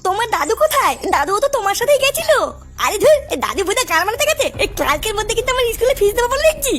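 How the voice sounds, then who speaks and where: Fast, high-pitched comic sketch voice. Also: female voice. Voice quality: high and lively, profane. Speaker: comedy sketch performer. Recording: music playing behind.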